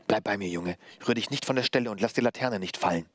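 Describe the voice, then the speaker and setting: A man voicing a stern, fearless old executioner who speaks in gruff commands. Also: on the low side, quick pace, slight background noise, lightly acted. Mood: commanding.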